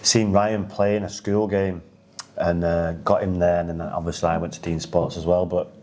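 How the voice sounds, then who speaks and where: A man's voice: sits low, level tone, normal speed, darkish tone. A man in his forties, the assistant manager, giving plain, matter-of-fact answers in a casual podcast interview. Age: 40s.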